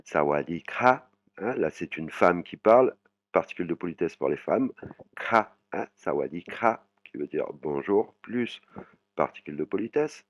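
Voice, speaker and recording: Deep-voiced man teaching, tagging "hein". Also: lively intonation, no room sound. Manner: frequent "hein" tags, slow drawn-out sample words. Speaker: language teacher. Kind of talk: explaining vocabulary in a language lesson. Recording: dry, muffled lo-fi voice.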